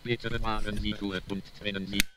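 A man as a low alarm loudspeaker announcer. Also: brisk. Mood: calm urgent. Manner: calm, even public-address announcement delivery. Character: calm male automated alarm announcer. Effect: alarm loudspeaker announcement played from a device. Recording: distant speaker with loud noise.

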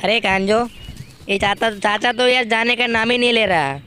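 A man's voice: fairly even intonation, moderate pace, pushed and bright. A man voicing a timid, easily frightened young man with a shaky voice, as gaming commentary in character. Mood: scared. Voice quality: high, shaky voice. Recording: noisy background.

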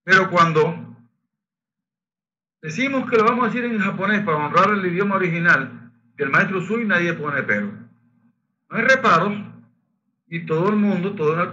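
A man teaches a Reiki group in a bright, fairly high voice. He explains techniques and leads slow, sung chanting of Japanese phrases. The recording sounds dull and lo-fi. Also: lively intonation. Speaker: Reiki facilitator. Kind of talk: spiritual workshop teaching.

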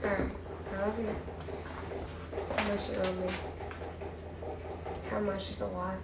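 A woman's voice: mid-range voice, flat delivery, a little slow, creaky. A young adult woman talking in a casual, slangy conversational way. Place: indoors, home kitchen. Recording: echoey, noisy room livestream.

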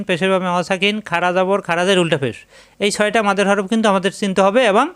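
A man teaching Quran recitation rules step by step. He explains each rule over and over and then chants the words in long, drawn-out tones. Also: high-pitched, fairly bright tone, clean tone. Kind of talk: tajweed lesson, explaining and demonstrating recitation.

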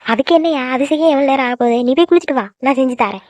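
A woman's voice: high voice, rapid-fire, darkish tone, dry recording, natural voice. A woman voicing an emotional middle-aged village mother in a cartoon, scolding her daughter and doting on her son. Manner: scolding, then tearful and doting. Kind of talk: cartoon voice acting.

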